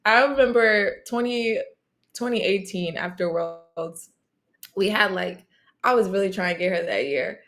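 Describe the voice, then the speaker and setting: A woman's voice: medium pitch, a little slow. A young woman athlete chatting as a guest, telling stories with lots of laughter. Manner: animated storyteller, laughs often. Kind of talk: casual chat.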